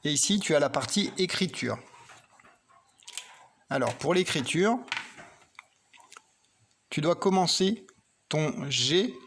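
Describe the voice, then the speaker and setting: A man's voice: on the high side, fairly bright tone, a little hiss or hum. A man teaching a child to read and write, patiently talking through each pen stroke and spelling words letter by letter. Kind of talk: slow handwriting and phonics lesson for children.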